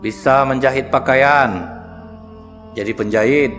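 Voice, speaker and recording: A man preaching in a lively storytelling way, joking and turning to the listeners often. His voice sits at an ordinary pitch. Faint music plays behind him. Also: measured pace. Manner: storytelling, humorous, addresses audience directly. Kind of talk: sermon.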